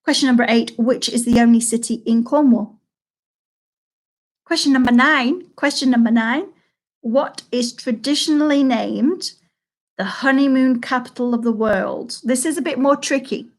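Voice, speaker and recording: Running a home quiz stream, this Salford, England host has a voice on the higher side. Easy banter fills the space between questions, and she reads every question slowly and repeats it for the players.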